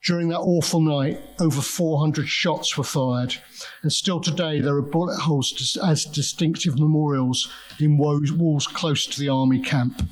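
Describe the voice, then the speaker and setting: Man, conference speaker, storyteller, slightly higher voice, talks in spoken story form. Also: fairly even intonation, normal speed, rough recording. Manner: storytelling, with quoted voices and restarts. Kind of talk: academic talk.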